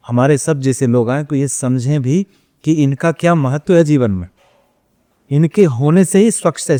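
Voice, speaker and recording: A man's voice: fairly high pitch, darkish tone, no room sound. Man telling stories in a dry, close sound. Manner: storytelling, acts out quoted questions and replies; mixes English phrases into speech. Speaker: interview guest, runs an ashram cow shelter. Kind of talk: casual interview conversation.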